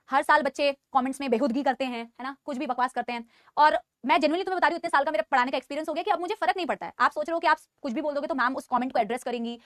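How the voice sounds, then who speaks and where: A woman biology teacher leads a live online class at a rapid clip, her voice pitched high. She mixes English terms into Hindi and keeps addressing students as "beta," scolding them while insisting she is calm. The sound is close and dry. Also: dry recording.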